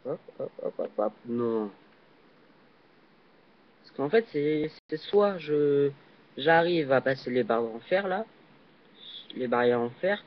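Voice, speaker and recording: A young man casually commenting while he plays a video game, hesitant and full of fillers, with sudden excited yelps on jumps. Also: mid-range voice, slow, pauses often. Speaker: gaming channel host. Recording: dull lo-fi recording.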